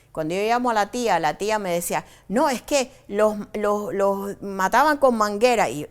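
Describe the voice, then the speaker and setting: A middle-aged Cuban woman journalist, a guest in an interview, recounting memories with animated quoted dialogue and frequent restarts. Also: mid-range voice, smooth. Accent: Cuban Spanish. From Cuba. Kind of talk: emotional personal storytelling.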